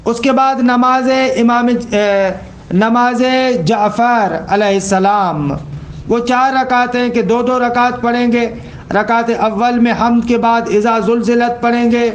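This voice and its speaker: A man teaching religious law step by step, checking that his students follow and slowing down to recite quoted texts. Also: very high voice. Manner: explains step by step, checks understanding with questions; recites quoted text slowly and deliberately.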